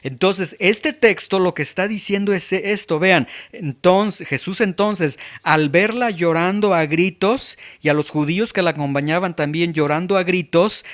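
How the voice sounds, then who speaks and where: A man preaching an expository sermon in an emphatic manner, repeating words and stressing key terms. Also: high-pitched. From Mexico. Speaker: pastor.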